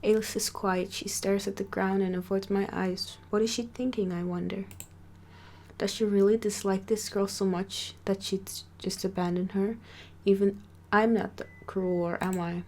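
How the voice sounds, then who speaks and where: A woman reads a first-person story aloud in an amateur way, tripping over words and restarting them. She breaks in with casual asides, and her voice sits at a middle pitch. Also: steady tone, normal speed, a little mellow. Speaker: story reader.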